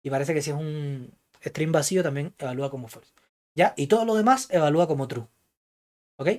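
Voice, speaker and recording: A man's voice: a little high, fairly quick, a little mellow. Man lecturing a programming class. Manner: keeps checking understanding with "¿ya?" and "¿entiendes?"; thinks aloud, hedging what he recalls.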